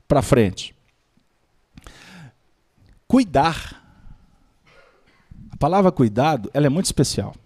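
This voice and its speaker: A man leads a study class in a high, bright register. His pitch swings widely as he jokes and acts out little everyday scenes. The talk is lively and conversational. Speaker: lecturer of a Spiritist study group.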